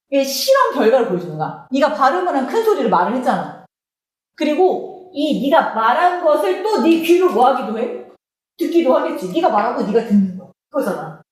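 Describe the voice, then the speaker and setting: A woman teacher explains an exam passage in a high voice, asking her students one rhetorical question after another. Her voice swings widely up and down. The recording rings with heavy echo. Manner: switches between Korean explanation and read-out English. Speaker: English teacher. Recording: very echoey room.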